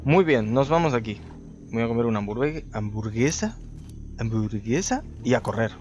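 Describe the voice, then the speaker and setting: A man giving let's play commentary, talking to viewers and shooting up in pitch when startled. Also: moderate pace, highs cut off, a little hiss or hum. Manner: excitable, talks to viewers, jumps high when startled. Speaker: gaming video host.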